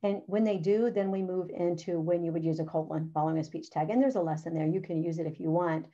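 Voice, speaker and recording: Fast and fairly low-pitched, with a steady, dark tone, a middle-aged woman teacher gives an instructional walkthrough of a writing lesson to other teachers. She's practical and chatty, repeating "all right" and "okay," and the recording is a little dull and lo-fi.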